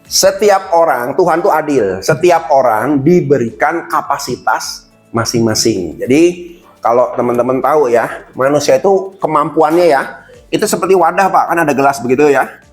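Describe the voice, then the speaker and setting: A man's voice: fairly high pitch, normal speed, faint music behind. A man giving a motivational seminar talk, addressing the audience directly and acting out little quoted exchanges. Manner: lively, addresses listeners as "Pak", acts out quotes. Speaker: motivational speaker.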